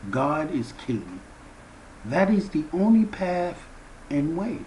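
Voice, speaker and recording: Slow, animated man preaching to viewers. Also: slight background noise, poor audio. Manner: slow, emphatic preaching with big swings in pitch and loudness. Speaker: founder of a spiritual movement. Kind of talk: spiritual address to viewers.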